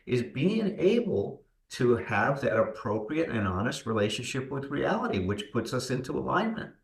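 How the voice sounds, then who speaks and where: A man co-hosting a podcast, calmly reflecting and explaining ideas. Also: mid-range voice, normal speed, gravelly. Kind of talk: casual podcast discussion. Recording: roomy echoing room sound.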